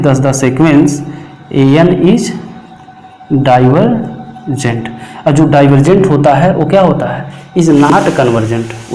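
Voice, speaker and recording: A man's voice: fairly high pitch, a little mellow, a little hiss or hum. Man lecturing in an echoey room. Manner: rhetorical questions answered himself, dictating formulas slowly. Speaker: mathematics teacher. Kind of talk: classroom lecture explaining problems.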